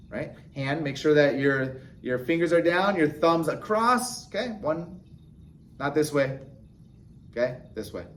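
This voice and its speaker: A man teaching a beginner sign language lesson in a casual, encouraging way, often checking in with the viewer. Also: on the high side. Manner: encouraging, chatty, frequent "okay?" and "right?" checks. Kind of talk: casual instructional explanation.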